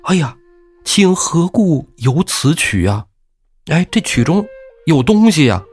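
A man voicing a jovial, pleasure-loving old emperor in a storytelling show, with an excitable, playful manner. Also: normal speed, faint music behind. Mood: startled. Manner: high-pitched, excitable and playful.

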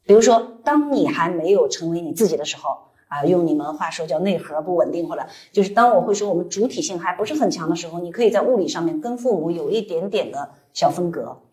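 A woman's voice: on the low side, lively intonation, fast, mellow. A woman psychologist and counselor giving a chatty, colloquial live book-club talk full of examples. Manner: chatty, colloquial, acts out clients' voices. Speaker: psychologist and counselor, guest speaker.

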